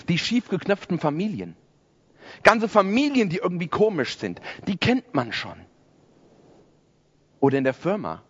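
German pastor preaching, slightly muffled. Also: male voice, on the high side. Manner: self-deprecating humor, conversational preaching. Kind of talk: sermon. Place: church service before a congregation.

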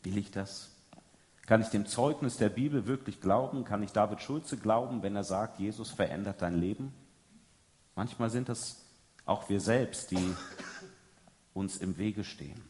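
A man's voice: on the low side, a little slow, pauses often, a little mellow. German preacher man in an echoing hall. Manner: conversational, often adds a questioning "ja". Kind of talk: sermon. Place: large hall before an audience. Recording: long hall reverb.

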